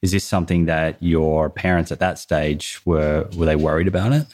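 Very deep-voiced male podcast host. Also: a little mellow. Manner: measured, repeats words as he starts questions. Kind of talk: interview questions.

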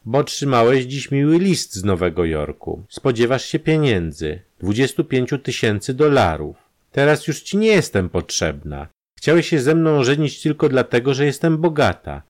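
A proud, wealthy woman with a sharp, ironic tongue, put on by a male narrator in an audiobook story. The voice is pushed up above his own low register and swings widely in pitch. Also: very animated, moderate pace. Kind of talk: audiobook character reading.

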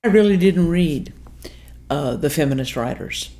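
A woman's voice: low voice, lively intonation, moderate pace, mellow. A woman, speaking casually in an interview.

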